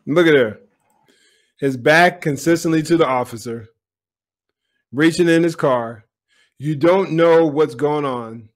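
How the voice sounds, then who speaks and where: A man's voice: a little high, unhurried, long pauses. A man giving opinionated commentary on a police video, speaking bluntly and directly to his viewers.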